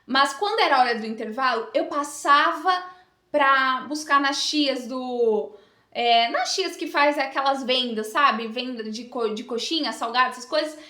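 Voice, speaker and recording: Bright, echoey young woman telling a testimony. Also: sits high, a little slow. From Brazil. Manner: heartfelt, earnest storytelling with emotional rises. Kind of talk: personal testimony. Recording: echoey room with faint music.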